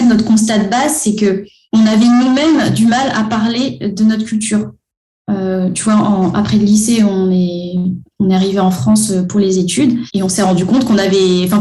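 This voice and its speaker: A woman's voice: medium pitch, mellow, reverberant. A woman from Madagascar, a game co-creator, answering interview questions with many fillers. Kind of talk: casual interview.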